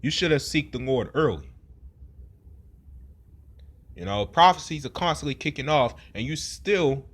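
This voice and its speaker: A man's voice: fairly high pitch, expressive, a little slow, long pauses. A man giving an informal sermon in a rambling way, with many fillers and frequent rhetorical "right?" questions. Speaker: preacher.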